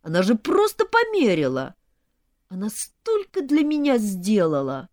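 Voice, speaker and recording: A woman's voice: fairly low pitch, big pitch swings, a little slow, dry recording, clean studio sound. A woman voicing a spoiled young male snake groom who whines helplessly about his mother. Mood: whiny. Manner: wailing, helpless.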